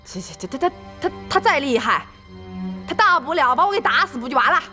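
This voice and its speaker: An actress playing a stubborn, quick-tempered young warrior wife in a costume drama. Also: female voice, high voice, lively intonation, bright, forceful tone, soft background music. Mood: defiant. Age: young adult.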